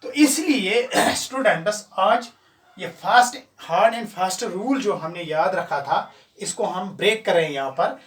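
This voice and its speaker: A man teaching an English grammar lesson, explaining step by step and repeating examples slowly. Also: sits high, animated, a bit bright. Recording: echoey room, voice from far off.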